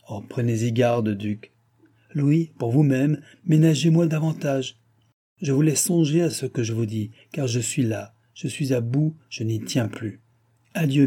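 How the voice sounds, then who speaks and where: A man reading an audiobook and voicing an irritable, self-pitying aging king who complains in exasperated outbursts, with a husky voice. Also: mid-range voice, mellow, close to an everyday voice.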